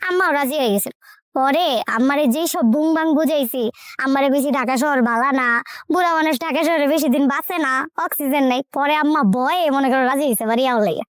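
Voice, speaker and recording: A woman's voice: high voice, quick pace, no echo, clean studio sound, natural voice. A woman playing a chatty young village wife. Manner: chatty, lively and scheming.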